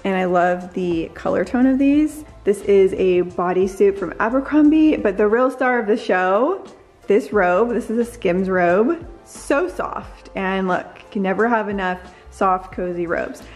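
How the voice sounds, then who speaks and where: A woman's voice: medium pitch, a little slow, a little mellow, soft background music. A woman in her thirties chatting upbeat and gushing in a casual vlog try-on at home. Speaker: lifestyle vlogger. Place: bright living room at home. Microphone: camera in hand and mirror selfies.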